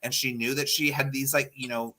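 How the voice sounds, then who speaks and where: A man in his thirties co-hosting a casual podcast panel, talking in a blunt, animated way and swearing freely. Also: mid-range voice, brisk. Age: 30s. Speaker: podcast co-host.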